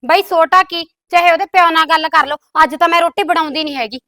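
A woman plays an overworked young sister-in-law who keeps protesting. Her voice is very high and bright, and she. She complains in a defensive, grumbling way. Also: fast talker, no room sound, clean studio sound, exaggerated voice. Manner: complaining, protests that she does all the work. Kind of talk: comedy skit acting.

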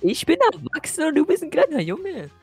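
A carefree, teasing professor played by a woman in a Minecraft role-play. The voice creaks and swoops wildly up and down, with light music behind it. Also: high voice, big pitch swings, fairly quick, darkish tone, exaggerated voice. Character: Professor Popel, carefree, teasing grown-up companion.

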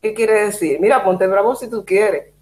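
Cuban woman guest, lively storyteller, mid-pitched, speaking on a video call. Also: normal speed. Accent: Cuban Spanish. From Cuba. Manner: animated storytelling, quotes herself. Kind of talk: casual chat.

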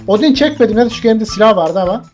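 A young man streaming a shooter game, excitable and swearing as he jokes with his viewers. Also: high voice, very fast, faint music behind. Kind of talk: gameplay commentary.

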